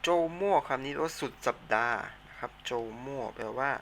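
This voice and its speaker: A man's voice: mid-range voice, expressive, brisk, a bit bright, slight background noise. A Thai-accented male teacher explaining vocabulary in a patient classroom lesson, repeating words for students to say back. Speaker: Chinese teacher.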